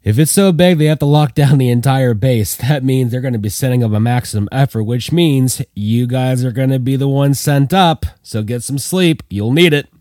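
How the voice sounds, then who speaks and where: A man voicing a friendly, confident male bomber crewman giving brisk, matter-of-fact advice. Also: medium pitch, warm tone, no echo, clean studio sound, close to an everyday voice. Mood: easygoing.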